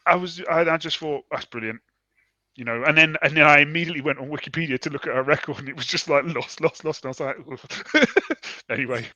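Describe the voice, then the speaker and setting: A man co-hosting a casual sports podcast, telling his reactions in an animated, earnest way. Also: a little high, fast talker, no room sound. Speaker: podcast co-host. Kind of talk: casual chat.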